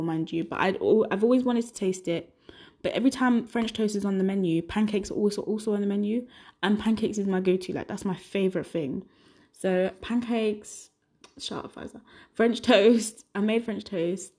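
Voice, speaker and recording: A woman's voice: mid-range voice, warm tone. A young adult woman hosting a solo podcast, chatting casually and rambling, often laughing at herself. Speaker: podcast host.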